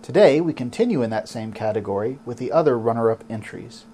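Mellow-voiced podcast host with faint hiss. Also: male voice, mid-range voice, fairly quick. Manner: even, announcer-like delivery. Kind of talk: scripted introduction.

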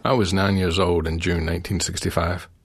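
A middle-aged man reading his own memoir essay aloud, in a quiet, measured storytelling manner. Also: deep voice, flat delivery, breathy edge.

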